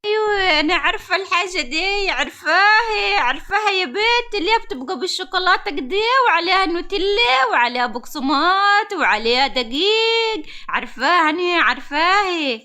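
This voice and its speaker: A forgetful old beggar woman, acted by a woman for a cartoon story, rambling on in a high, bright, quavering voice that keeps cracking as if near tears. Her talk wanders from one thing to the next. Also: big pitch swings, a little fast, full character voice. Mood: excited. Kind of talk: animated story voice acting.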